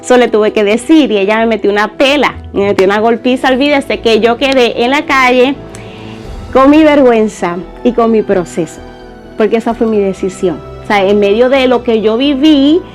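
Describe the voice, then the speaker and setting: A woman's voice: on the high side, normal speed, soft background music. Earnest woman giving a church testimony. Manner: earnest, conversational, with fillers.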